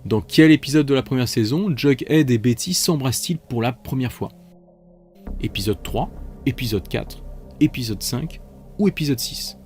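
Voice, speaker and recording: A man's voice: mid-range voice, lively intonation, moderate pace, darkish tone, faint music behind. A man hosting a multiple-choice quiz, reading out questions and options with playful, chatty asides. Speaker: quiz host.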